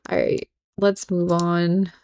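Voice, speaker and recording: A woman's voice: lowish voice, flat delivery, takes it slowly, a little mellow, smooth. A woman hosting a reaction video, giving blunt, sarcastic commentary. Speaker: host.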